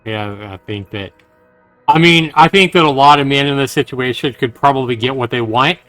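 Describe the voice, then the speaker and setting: A man streams himself playing a visual novel, reading the story text aloud and speaking earnestly and casually to his viewers. His voice is medium in pitch and fairly bright, at a moderate pace, in a dry recording. Faint game music plays behind him.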